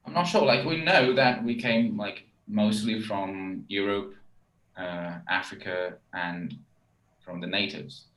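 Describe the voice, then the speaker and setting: A man's voice: lowish voice, slow, fairly bright tone. A man from Brazil with a Brazilian accent, speaking English as a second language in a casual group discussion, thoughtful and hedging with "like" and "you know". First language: Portuguese. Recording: echoey room.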